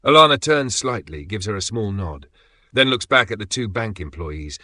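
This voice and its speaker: A man narrating a dramatic story in a steady, measured way with pauses for effect. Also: lowish voice, no room sound.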